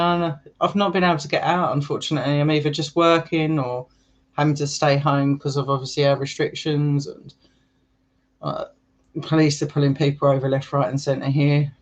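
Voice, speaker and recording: A young man from England, an urban exploring vlogger with an English accent, chats casually and ramblingly with viewers in a live session, laughing often. His voice is fairly high, and the recording has its highs cut off.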